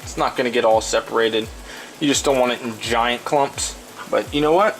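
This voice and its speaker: A man's voice: mid-range voice, moderate pace, soft background music. A man hosting a casual cooking video, talking in a blunt, crude, rambling way and repeating himself. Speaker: host of a cooking show. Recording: clearly noisy, frying and stirring sounds. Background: sizzling pan, stirring, clicks.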